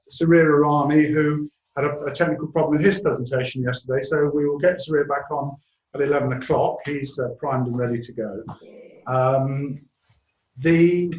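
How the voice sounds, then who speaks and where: Man in his seventies, jovial panel moderator, slightly high voice, echoey hall. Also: slight background noise. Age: 70s. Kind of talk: hosting a panel discussion.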